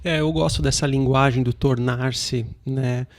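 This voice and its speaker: Male pastor from Brazil, mid voice, measured and explanatory, uses rhetorical questions. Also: medium pitch, fairly even intonation. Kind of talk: casual chat.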